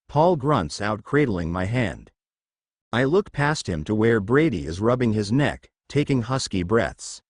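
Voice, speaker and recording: Male narrator with a lively, dry read. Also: fairly low pitch, no echo. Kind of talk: first-person fan fiction narration.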